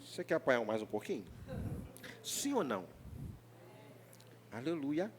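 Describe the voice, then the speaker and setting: A man preaching a sermon as pastor in a church, with a Rio de Janeiro Brazilian Portuguese accent, talking in an animated, joking way and often asking the congregation questions. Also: mid-range voice, a little slow, noisy background. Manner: animated, jokey, mimics congregants, often asks the crowd. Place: church hall.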